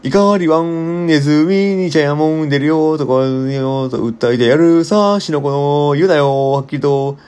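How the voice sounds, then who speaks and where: Rough, blunt talking mouse, a bit raised and drawn out, voiced by a male reader. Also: fairly high pitch, a little slow, hardly any pauses, darkish tone, natural voice. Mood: grumbling. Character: gruff, touchy talking mouse.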